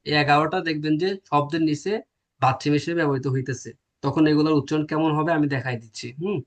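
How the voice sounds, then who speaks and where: Male teacher, a bit high-pitched, quizzes the class and answers himself. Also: steady tone, fast talker. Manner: explains step by step, asks and answers his own questions. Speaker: language teacher. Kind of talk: classroom lecture.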